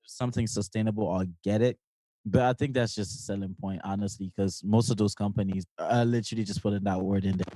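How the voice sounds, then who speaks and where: A young man from New York co-hosting a podcast in animated, jokey casual chat with lots of slang. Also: fairly low pitch, quick pace, no room sound. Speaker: podcast co-host.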